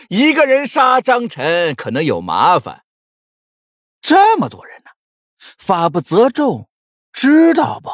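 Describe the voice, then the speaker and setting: A man voicing a vicious, sneering young male thug in an audio novel, with a husky, jeering voice. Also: huge pitch swings, slow pace, sharp tone, no room sound, clean studio sound, heavily acted. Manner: shrill, jeering.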